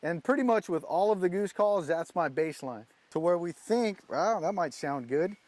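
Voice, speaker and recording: A man's voice: sits high, expressive, moderate pace, darkish tone, no room sound. A man giving a casual, folksy hands-on lesson as a goose calling instructor.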